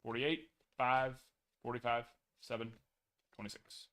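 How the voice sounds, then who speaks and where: Hosting a live card break, a young man chats casually and reads numbers off in a steady list. His medium-pitched voice, a little slow, is slightly worn because he's losing it.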